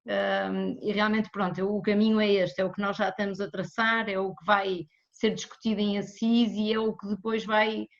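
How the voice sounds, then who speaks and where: A woman with a European Portuguese accent, answering as a guest in an interview about economics in a measured way. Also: mid-range voice, level tone, creaky. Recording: slightly muffled lo-fi audio.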